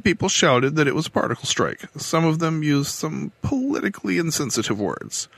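A man's voice: fairly high pitch, sing-song, moderate pace, gravelly, fairly bright tone, dry recording, pitched above the performer's own voice, full character voice. A man doing a defensive woman space captain. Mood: guarded testimony. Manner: impatient, defensive, guarded. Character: defensive female mission control captain under scrutiny.

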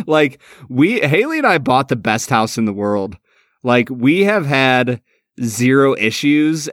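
A man's voice: mid-range voice, a bit bright, no echo. Slangy young man chatting, dry close sound. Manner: bro-ish, slangy, joking. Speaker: podcast co-host. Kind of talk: casual chat.

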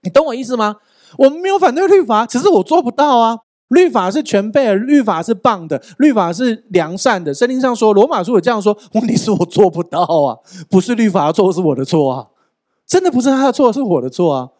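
A male pastor preaching a sermon in an animated, joking way, often asking the listeners rhetorical questions. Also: high-pitched, a little fast.

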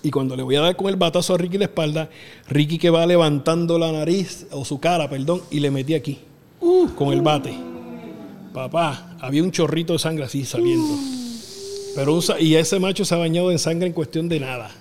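Middle-aged Puerto Rican man, a bit high-pitched, spinning excitable backstage tales in a room with long reverb. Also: fairly quick, a little hiss or hum. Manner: excitable, acts out voices, laughs often. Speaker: wrestling show booker. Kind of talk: animated storytelling interview.

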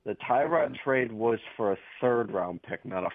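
A man's voice: medium pitch, lively intonation, normal speed, no room sound. A man calling in to a radio sports show, laying out details and hedging with phrases like "I believe.". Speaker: caller. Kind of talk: casual sports talk. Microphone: phone. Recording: phone line.

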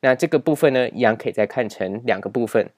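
Walking through grammar slides, a man who teaches languages explains things patiently, repeats the important points, and fills his speech with particles. He talks fast in a medium-pitched, slightly mellow voice.

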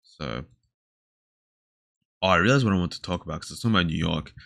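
Here a young Australian man runs a relaxed solo podcast, alone indoors in front of a camera, wandering through fillers and abandoning thoughts partway. He speaks quickly in a deep, creaky, fairly bright voice. The recording is dry and studio clean.

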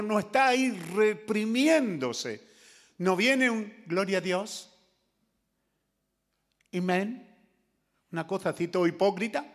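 A man's voice: high-pitched, in a large hall. A man preaching a dramatic sermon, calling out to the congregation in the pews. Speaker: pastor. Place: church.

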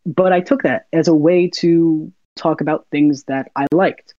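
A young man, a university student, chatting as an interview guest, soft-spoken and quick to laugh as he acts out little scenes. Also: on the high side, fairly even intonation, no echo, highs cut off. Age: young adult. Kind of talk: casual interview chat.

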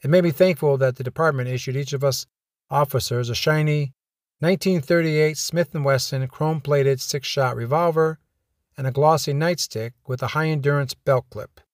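A man's voice: fairly high pitch, normal speed, no room sound. A man hosting a podcast, telling first-person stories of his police days with wry, dry humor. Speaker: podcast host and former police officer.

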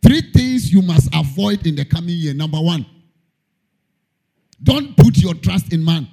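A man's voice: on the high side, expressive, unhurried, gravelly, warm tone. A man preaching a sermon in church, emphatic, repeating key lines and singing out phrases. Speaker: pastor.

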